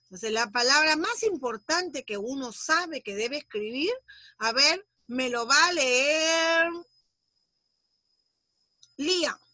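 A woman teaching young children in an online class over a video call, patiently sounding out syllables and using gentle diminutives. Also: high-pitched, lively intonation, slow pace, long pauses, dry recording. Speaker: primary school teacher.

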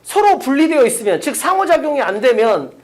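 A man lectures his class with a pitch that swings up and down. He talks bluntly and casually, calling on students by name to quiz them. The sound is a classroom lesson. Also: big pitch swings, fairly quick. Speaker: English teacher.

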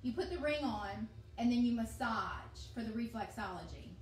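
A woman gushes over each item she unboxes, her voice sitting a little high. She sounds some distance from the phone, and the kitchen around her is echoey with a faint hum of room noise. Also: expressive, normal speed. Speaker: host of an essential oils unboxing. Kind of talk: casual unboxing chat on a livestream. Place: home kitchen, indoors. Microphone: phone camera across the counter.

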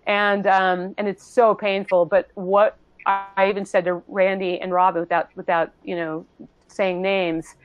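Woman, earnest testimony, mid pitch, halting restarts, dry close sound. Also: no echo, highs cut off. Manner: earnest, halting, many restarts, acts out others' voices. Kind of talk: emotional personal testimony in a panel talk.

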